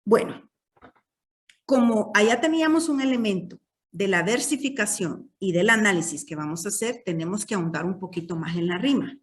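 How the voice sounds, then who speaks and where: A woman's voice: mid-range voice, lively intonation, moderate pace, recorded from a distance. A woman teaching a literature class, explaining patiently and checking in with her students often.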